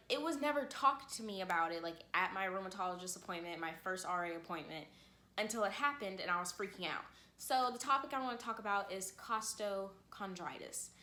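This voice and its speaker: Young female vlogger with a bright, chatty delivery, recorded in an echoey room. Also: medium pitch. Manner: chatty, frequent "like" and "literally". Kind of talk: casual personal story to camera.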